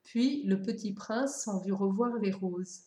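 A woman reading a storybook aloud in a measured, gentle storytelling manner. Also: mid-range voice, roomy sound.

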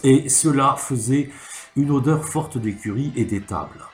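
A man narrating a literary story in an expressive, measured reading. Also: medium pitch. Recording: echoey room, faint music.

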